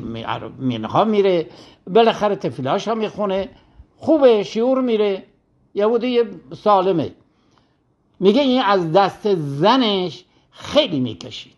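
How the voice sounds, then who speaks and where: A man's voice: high voice, lo-fi sound. A man who teaches religion, telling a moral story in a sermon on a broadcast and acting out the quoted complaints.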